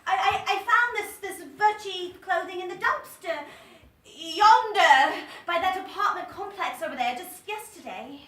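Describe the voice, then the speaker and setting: A plucky, frightened seven-year-old girl with an English accent, hesitating and stammering through a poor Southern put-on. Her voice is pitched very high. The stage play is heard from a distance in an echoey room. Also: animated, unhurried, fairly bright tone, heavily acted. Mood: hesitant. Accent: English, badly faking Southern American.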